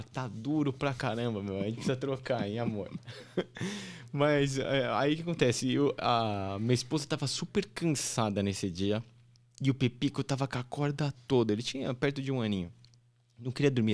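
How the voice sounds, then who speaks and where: A man, a podcast guest telling a heartfelt story in a casual, emotional way. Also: mid-range voice. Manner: animated, emotional, repeats "meu" and "pô".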